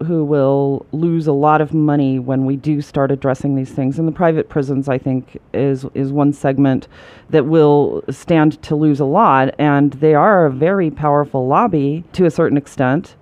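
A man's voice: fairly high pitch, darkish tone, no echo, muffled recording. A man hosting a radio interview, agreeable and attentive, affirming his guest's points. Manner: agreeable, attentive, drawn-out listener cues. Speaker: radio show host. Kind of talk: interview talk.

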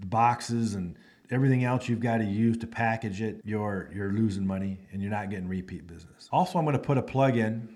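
Guy with a lowish voice rambling on his podcast, keeps repeating himself for emphasis. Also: a little mellow. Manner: emphatic, repetitive, folksy; acts out phone calls in quotes. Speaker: podcast host. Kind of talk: casual monologue.

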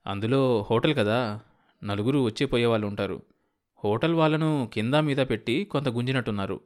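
A man's voice: mid-range voice, brisk, natural voice. A man voicing a worldly, somewhat impatient man who explains things in a matter-of-fact way. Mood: explaining.

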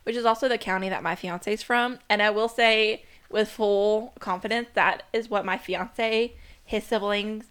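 A woman's voice: medium pitch, steady tone, a little slow, a bit bright, clean tone. A woman co-hosting a podcast, chatting casually and laughing easily. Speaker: podcast co-host. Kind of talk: casual chat.

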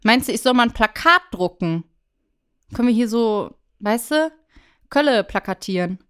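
A woman's voice: fairly high pitch, lively intonation, normal speed, fairly bright tone, clean tone. A young woman in her twenties co-hosting a casual chat podcast, telling rambling stories and laughing often. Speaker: podcast co-host.

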